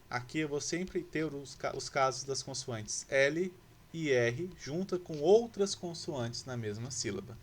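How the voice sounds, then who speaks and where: A male Brazilian Portuguese grammar teacher giving a lesson to schoolchildren, patiently spelling out letters and syllables. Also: medium pitch.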